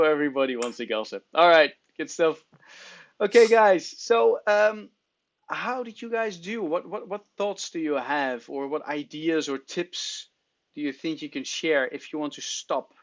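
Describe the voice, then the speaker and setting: Encouraging male facilitator, slightly high, dull audio. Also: animated, unhurried. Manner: encouraging, repeats acknowledgements. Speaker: course facilitator. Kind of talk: informal class facilitation.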